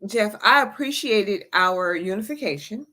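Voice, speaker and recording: Female co-host, mid-pitched, unhurried, careful and formal. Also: expressive, pushed and bright. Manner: measured, formal phrasing. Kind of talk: casual talk show chat.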